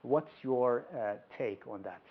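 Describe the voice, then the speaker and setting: A man's voice: medium pitch, slow, husky. A man working as an interviewer, putting formal questions to a guest. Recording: dull lo-fi audio.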